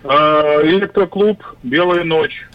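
A man calling a radio request show, his voice cutting in and out on a bad phone line as he talks haltingly. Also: on the high side, no echo. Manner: hesitant, halting with fillers. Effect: phone line breaking up, sound cutting out. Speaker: radio caller. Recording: dull lo-fi phone line from off the mic.

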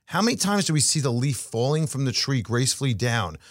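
A man's voice: mid-range voice, big pitch swings, brisk, dry recording, clean studio sound. A man hosting a podcast interview, talking in a conversational, reflective way with frequent fillers. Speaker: podcast host.

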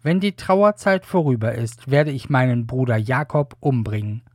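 A man's voice: mid-range voice, moderate pace, no room sound, clean studio sound, close to an everyday voice. A man voicing a bitter, wronged elder son who hunts, read in a plain pleading way.

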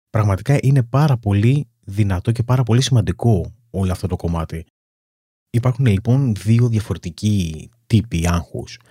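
A man speaking as a weight-loss coach, calmly explaining step by step in a self-help talk. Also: sits low, slightly rough, no echo, studio quality. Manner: calm, explanatory, steady teaching with lists and examples.

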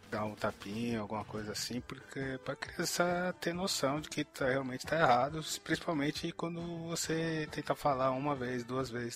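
A young man, giving his opinions in a rambling, slangy way as a podcast co-host. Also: mid-range voice. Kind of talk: casual chat.

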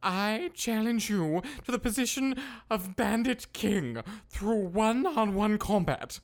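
A woman's voice: medium pitch, expressive, slow pace. A woman voicing an earnest, exasperated wizard in a comedy audio drama, fumbling over her words. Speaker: voice actor.

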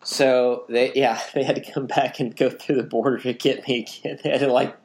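A man's voice: medium pitch, little pitch movement, moderate pace, a little mellow. A man in his thirties telling a rambling, self-correcting anecdote in casual podcast chat. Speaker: podcast co-host.

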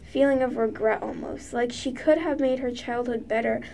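A woman reading aloud a short spooky story, in a plain, steady storytelling manner. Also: on the high side, moderate pace, gravelly, a little hiss or hum. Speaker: story reader.

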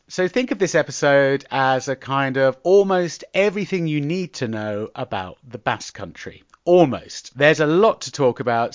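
A man's voice: fairly high pitch, smooth, no echo. A man hosting a podcast in a presenter's conversational style. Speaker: podcast host. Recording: dull, close dry audio.

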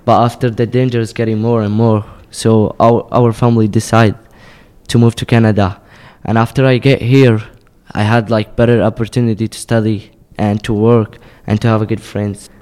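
Young man from Syria, flat smooth voice. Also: fairly low pitch. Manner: simple, halting non-native English. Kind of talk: personal story.

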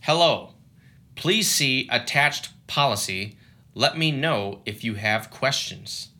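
A man putting on a robot voice, reading a curt office memo in a flat, emotionless monotone. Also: mid-range voice, slow pace, full character voice. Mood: robotic, flat. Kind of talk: comic impression inside a leadership talk.

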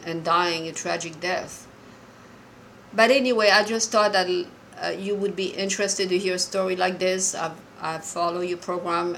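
A woman in her sixties, from Morocco, calling in to a show and telling a personal story earnestly and haltingly, often restarting her sentences. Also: lowish voice, fairly bright tone, a little hiss or hum, rough recording. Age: 60s. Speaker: caller.

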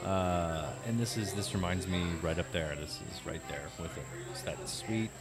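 A man's voice: low-pitched, normal speed, over loud music. A man co-hosting a podcast in casual chat, wry and teasing. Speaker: podcast co-host.

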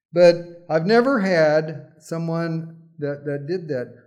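A man's voice: fairly high pitch, slow, darkish tone. A middle-aged male pastor preaching a sermon, emphatic at times and telling folksy, humorous stories.

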